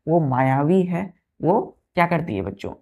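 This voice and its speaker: A woman's voice: low voice, sing-song, normal speed, a little mellow, highs cut off. A woman teacher giving an exam-prep vocabulary lesson, spelling words letter by letter and often checking that students follow.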